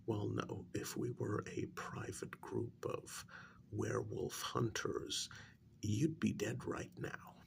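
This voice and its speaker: Slight background noise accompanies a man's lowish voice as he fully inhabits the character of a calm government agent interrogating a captured werewolf. This ASMR role-play is soft-spoken and breathy, frequently near a whisper, with a measured, gently coaxing delivery.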